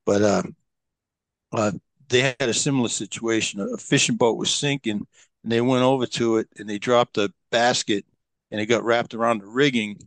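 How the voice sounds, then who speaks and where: A man's voice: mid-range voice, steady tone, moderate pace, dry recording. A middle-aged man, a podcast guest, telling long stories in a rambling, casual way with many fillers and restarts. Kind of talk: casual storytelling.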